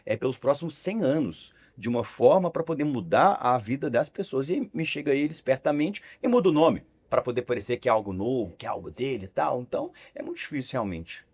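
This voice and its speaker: A man in his twenties from Brazil, a young politician talking as a podcast guest in a sarcastic, animated way. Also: mid-range voice, husky. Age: 20s. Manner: animated, sarcastic, lively intonation. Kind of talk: casual podcast conversation.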